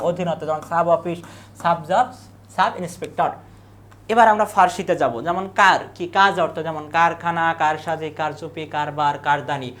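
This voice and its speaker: A young adult tutor gives an exam revision lesson. The tutor asks quiz questions and answers them in quick lists. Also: medium pitch, slight background noise.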